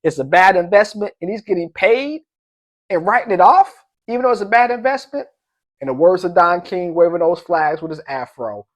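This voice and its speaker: A young man talking straight to camera about markets, hyped and animated. His pitch leaps up and down constantly, full of slangy asides and little vocal sound effects. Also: normal speed. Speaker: finance vlogger. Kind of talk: casual energetic commentary.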